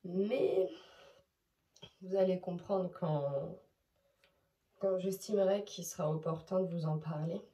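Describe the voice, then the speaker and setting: A woman's voice: lowish voice, warm tone, breathy edge. A young woman vlogging from her bedroom about her skincare routine, chatty, frank and self-mocking, sometimes dropping into a whisper. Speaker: beauty vlogger. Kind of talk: casual vlog chat to camera. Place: bedroom at night. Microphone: handheld phone camera without tripod.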